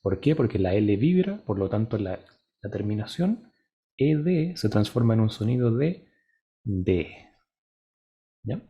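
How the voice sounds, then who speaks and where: Gravelly, husky male teacher explaining patiently. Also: fairly low pitch, sing-song, dark tone, dull audio. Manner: patient, checks in with "¿cierto?" and "¿ya?"; slow, deliberate modeling of English words. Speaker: English teacher. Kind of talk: classroom lesson explanation.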